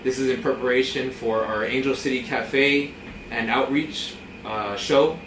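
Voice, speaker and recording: A man's voice: medium pitch, fairly even intonation, a little slow, a bit bright. A man hosting a casual interview, upbeat and encouraging, often answering with "awesome" and "praise God". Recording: echoey room, mic at a distance, background hum.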